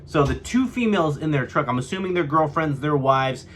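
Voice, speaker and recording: A man's voice: a little high, animated, a little fast, a bit bright, slight background noise. A young man from California, telling a vlog story to camera and acting out what others said. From California, USA. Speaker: vlogger.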